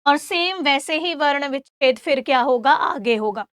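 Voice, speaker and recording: A woman teacher giving an exam-prep grammar lesson. She asks questions and answers them herself, spells sounds out slowly for her students, and sets them homework. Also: high voice, lively intonation, a bit bright, no echo, studio quality. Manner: addresses students as "beta", gives homework.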